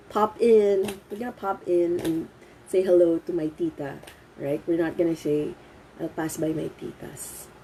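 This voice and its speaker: Woman, Filipino accent, English teacher, live online lesson, lively, lowish voice, faint background hiss. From Philippines. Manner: lively, switches between English and Tagalog, laughs often.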